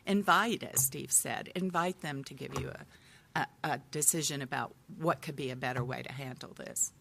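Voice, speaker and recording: An older woman on a discussion panel, speaking as a family counselor in a candid, conversational way with thoughtful pauses. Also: rumbling low, creaky, a bit bright, a little hiss or hum.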